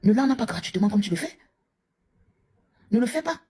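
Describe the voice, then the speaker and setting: A woman's voice: a little high, expressive, a little fast, mellow, slightly rough. A woman from Cameroon, a mother and live streamer, scolding a rival in a heated, confrontational rant. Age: young adult to middle-aged, a mother.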